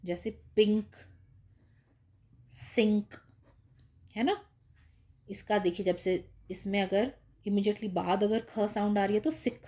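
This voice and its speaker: A woman's voice: mid-range voice, steady tone, a little slow, dark tone. A woman teaching young children spelling rules, patient and repetitive, checking in often as she explains each word. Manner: patient, repeats with "ठीक है" and "है ना" checks.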